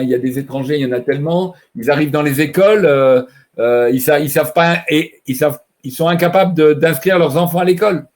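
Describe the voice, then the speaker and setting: A man's voice: on the high side, a little mellow. A man presenting an online training webinar, talking over a computer mic and explaining by asking himself questions. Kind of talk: live online training talk.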